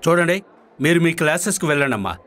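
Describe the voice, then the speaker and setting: A man's voice: fairly high pitch, lively intonation, fast, fairly bright tone. An actor playing a stern college principal who scolds his students. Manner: stern, commanding. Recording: music score behind.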